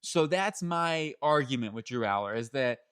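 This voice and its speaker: A man hosting his own channel, talking through football draft picks in a chatty, animated way that jumps up in pitch when he gets excited and often corrects himself. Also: moderate pace, clear, resonant tone, dry recording, clean studio sound. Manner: chatty, self-correcting, laughs at own slips. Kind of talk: solo sports analysis talk.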